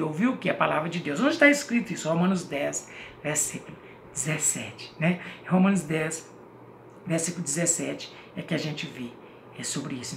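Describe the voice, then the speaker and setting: A man's voice: sits high, gravelly, a bit bright. A man teaching a Bible sermon, reading scripture aloud and asking questions that he answers himself. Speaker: preacher. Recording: echoey room with faint noise.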